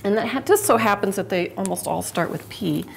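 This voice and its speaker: A woman's voice: mid-range voice, animated, a little fast, gravelly, slight background noise. A woman giving a live public speaking talk to an audience, chatty and conversational, often restarting and correcting herself mid-sentence.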